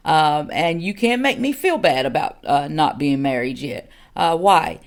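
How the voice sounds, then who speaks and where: A woman in her forties talks straight to her listeners as a church elder giving a podcast teaching. Her voice has a gravelly fry, and she stays earnest and direct. She fills her pauses with "um" and asks the same question again and again. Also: sits low, lively intonation. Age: 40s.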